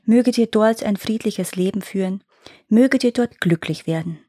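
A woman voicing a gentle fairy mother bidding her daughters farewell, tender and mournful in a storybook tale. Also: medium pitch, normal speed, no room sound, clean studio sound, lightly acted.

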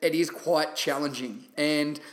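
A man's voice: on the high side, steady tone, unhurried. Australian man hosting in an echoey room. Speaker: podcast host. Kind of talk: casual solo podcast storytelling. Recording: roomy, echoey sound.

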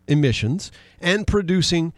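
A man's voice: fairly high pitch, animated, unhurried, no echo. A middle-aged man talks on a political radio show in a slightly raised voice, recorded dry and close with no room sound. He speaks with emphasis, reads headlines aloud and turns often to his co-host by name. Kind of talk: conversational political talk radio.

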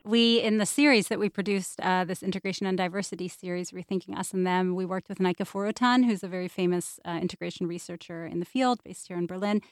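Thoughtful woman, low voice. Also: steady tone, quick pace, hardly any pauses, clear, resonant tone, dry recording, clean studio sound. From United States. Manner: thoughtful, conversational. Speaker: guest, series producer. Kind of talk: radio interview discussion.

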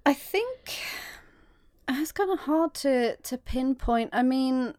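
A woman's voice: high-pitched, expressive, takes it slowly, darkish tone, dry recording, clean studio sound. A young woman, an actor and singer, talking candidly as a podcast guest, telling her story with many restarts. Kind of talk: casual podcast interview.

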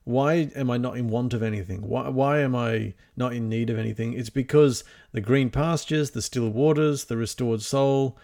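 A man taking part in a Bible study discussion, reasoning through a passage step by step. His mid-pitched voice carries a reflective, explanatory tone. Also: normal speed, vocal fry, few pauses, darkish tone.

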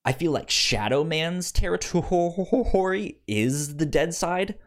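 A man co-hosts a casual discussion podcast. He speaks haltingly and repeats words, his pitch swinging around with lots of animation.

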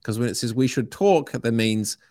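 A man's voice: medium pitch, normal speed, a little mellow, dry recording, clean studio sound. A middle-aged man with a New Zealand accent, talking casually and emphatically as a podcast guest, with plenty of slang and swearing. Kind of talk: casual opinionated conversation.

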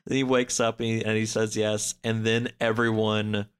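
Clear and resonant, this man's fairly low voice has little pitch movement and a moderate pace. Casually chatting as a podcast guest, he tells a loosely pieced-together, rambling story with frequent "like"s.

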